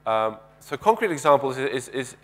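A man's voice: mid-range voice, big pitch swings, moderate pace, faint music behind. Guy in his 30s doing a keynote on a big stage, headset mic, chatty, lots of restarts. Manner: conversational, questions the audience, frequent restarts; paces the stage with gestures. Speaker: keynote speaker. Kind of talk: conference keynote talk. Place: large conference stage.

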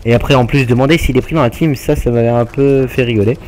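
A man casually commenting on his own gameplay, hesitant with many filler pauses and a laid-back, jokey manner. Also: medium pitch, steady tone, darkish tone. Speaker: gaming channel host. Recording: game gunfire noise underneath. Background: video game gunfire.

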